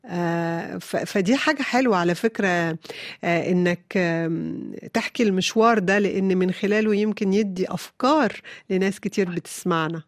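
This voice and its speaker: A woman with an Egyptian Arabic accent hosts a conversational radio interview, phrasing hesitantly with pauses. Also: lowish voice, no echo, studio quality.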